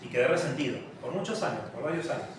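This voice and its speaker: A man with a Rioplatense Spanish accent preaching a sermon and telling a personal story, with halting restarts. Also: medium pitch, lively intonation, noisy background. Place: large church hall. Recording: very echoey hall, distant mic.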